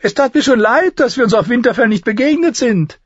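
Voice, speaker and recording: A man voicing a sharp-tongued dwarf nobleman with a dry, sardonic manner in an audiobook reading. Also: sits high, normal speed, dry recording, highs cut off, voice pushed up, lightly acted. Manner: sardonic, commanding.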